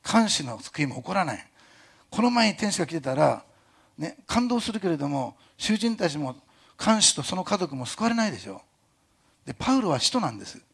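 A male pastor preaching a sermon in a lively conversational way, with jokey asides and a hint of a Kyushu dialect. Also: a little high, brisk, vocal fry, husky. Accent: Kyushu dialect touches. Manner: animated, jokey asides, imitates other pastors.

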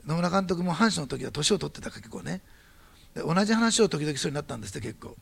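A male pastor preaching a sermon, telling a story with lively quoted dialogue and then leading a prayer. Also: a little high, fast talker, gravelly, husky.

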